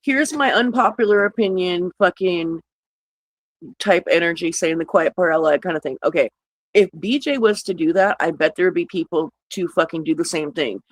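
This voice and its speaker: A woman's voice: lowish voice, normal speed, no echo, poor audio. A woman co-hosting a casual talk stream, blunt and emphatic, swearing freely as she reacts to clips. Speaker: co-host. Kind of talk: casual profane commentary on clips.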